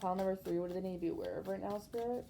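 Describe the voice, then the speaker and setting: A young woman doing a pick-a-card tarot reading, chatty and excitable, her sentences often trailing off with "like". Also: fairly low pitch, racing, vocal fry, slight background noise. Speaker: tarot reader.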